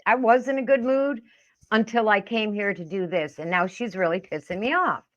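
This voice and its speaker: A middle-aged woman hosts a reaction video, commenting casually and profanely in a blunt, indignant, scolding manner. Her medium-pitched voice moves at normal speed, and the audio sounds dull.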